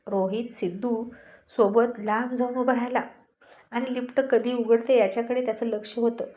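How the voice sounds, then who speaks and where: Woman storyteller, slightly high voice. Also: moderate pace. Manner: steady, expressive reading. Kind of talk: serial story narration.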